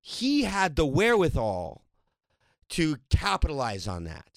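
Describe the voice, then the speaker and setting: A man with a slightly high, gravelly voice speaks a little slowly, with no echo. An actor and director, he rambles through animated stories about making a film in a casual interview, laughing frequently.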